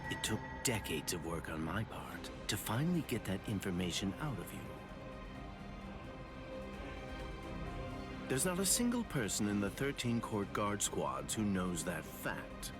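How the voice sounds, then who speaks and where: An actor playing a sly, scheming male swordsman who taunts his captain in a soft, mocking voice, in a video game cutscene. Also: on the low side, sing-song, normal speed, hardly any pauses. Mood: calm menace. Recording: game audio with loud music. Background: loud music.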